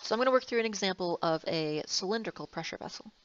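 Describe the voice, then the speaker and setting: A woman's voice: mid-range voice, expressive, fast, very noisy. A woman engineering instructor giving a recorded lecture, rambling and correcting herself with wry asides. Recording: dull, slightly muffled, dry sound.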